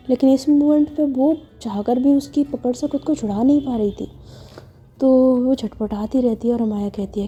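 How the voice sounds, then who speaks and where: A woman's voice: on the high side, dark tone, husky, highs cut off. A woman narrating a romance story in a chatty, conversational retelling style. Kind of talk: casual spoken story narration.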